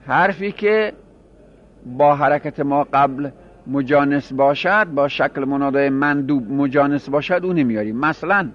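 A man's voice: mid-range voice, lo-fi sound. A man teaching a grammar class, explaining by repeating examples and asking his students questions.

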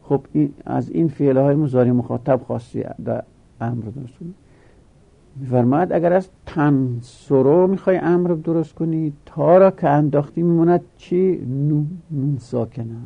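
A man teaching a grammar lesson, explaining slowly and repeating each step while asking questions. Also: on the high side, creaky, lo-fi sound.

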